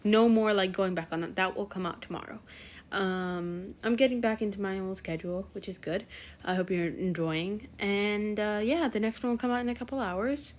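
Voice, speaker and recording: Speaking at a normal speed in a mid-range voice, this teen girl hosts a fanfiction channel. She talks to her viewers in a loose, meandering way, full of filler words and self-corrections.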